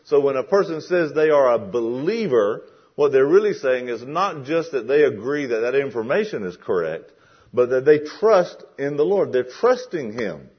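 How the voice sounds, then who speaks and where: A man's voice: medium pitch, big pitch swings, moderate pace, breathy edge, muffled recording. A man preaching a sermon in a conversational way that builds to emphatic questions.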